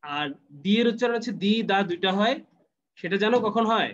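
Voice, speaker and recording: High-voiced male English tutor on a call. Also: moderate pace, highs cut off. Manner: patient, explains step by step with repeated checks. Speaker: English teacher. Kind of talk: online class teaching.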